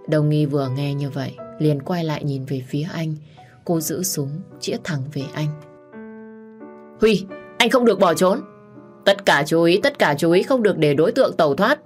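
Low-voiced woman narrating a romance story. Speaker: audiobook narrator. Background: soft background music.

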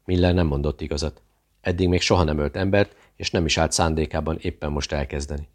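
A man reading a thriller aloud as audiobook narrator, steady and measured. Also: very deep voice.

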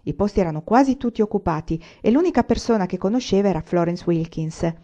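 Woman reading a novel, warm mellow tone, steady, slightly dull recording. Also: medium pitch, fast talker. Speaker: audiobook reader. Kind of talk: novel read aloud.

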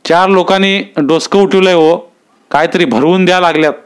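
Timid, worried farmer, put on by a male storyteller, higher-pitched and hesitant. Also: fairly even intonation, moderate pace, smooth, close to an everyday voice. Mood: anxious. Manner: hesitant rustic village speech.

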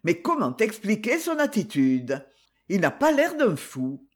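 A man's voice: sits high, huge pitch swings, unhurried, exaggerated voice. A man voicing a puzzled old baron. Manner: pondering, inward. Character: puzzled older nobleman, a baron.

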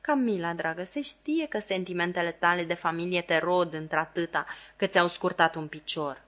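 A woman reading an audiobook, voicing a mild-mannered husband who speaks in a gentle, soothing tone. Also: on the low side, natural voice. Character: mild consoling husband, middle-aged man.

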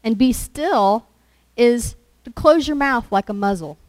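Slow, conversational woman preaching a sermon. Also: fairly high pitch, lively intonation, darkish tone, dry recording, poor audio. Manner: slow, conversational storytelling with acted-out quotes.

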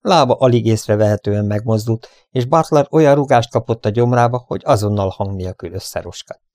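A man reading an adventure audiobook aloud in a steady storybook narration. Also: fairly low pitch, dry recording, studio quality. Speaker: audiobook reader.

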